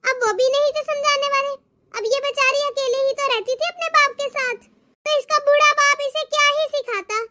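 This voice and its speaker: A woman voicing a two-faced middle-aged mother-in-law in an animated family story, sweet to her son and spiteful behind his back. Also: extremely high pitch, normal speed, dry recording, studio quality. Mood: coaxing. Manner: sweet-talking, turns spiteful and muttering alone. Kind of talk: animated moral story voice acting.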